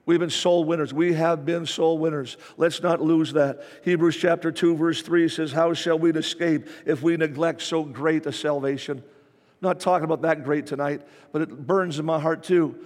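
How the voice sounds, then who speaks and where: A pastor delivers an emphatic sermon, hammering phrases again and again. His voice sits high for a man. The sound carries the long reverb of a church sanctuary. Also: fairly even intonation, moderate pace, darkish tone. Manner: repetitive, emphatic preaching.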